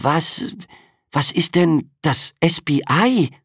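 A man's voice: fairly high pitch, expressive, slow, fairly bright tone, breathy edge, no echo, clean studio sound, voice pushed up, heavily acted. A man voicing a frightened young boy in an audiobook, blustering and boastful to hide his fear. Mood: indignant. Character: scared, defiant young boy. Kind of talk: audiobook character voice.

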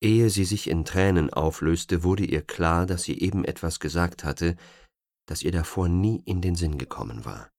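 Deep-voiced male audiobook narrator. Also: normal speed, darkish tone, dry recording, clean studio sound. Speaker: audiobook reader.

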